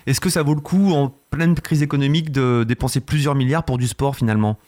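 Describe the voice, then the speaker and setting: Male radio host, mid-range voice, brisk and conversational. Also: mid-range voice, fairly even intonation, darkish tone. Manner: brisk, wraps up the show. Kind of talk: radio interview hosting.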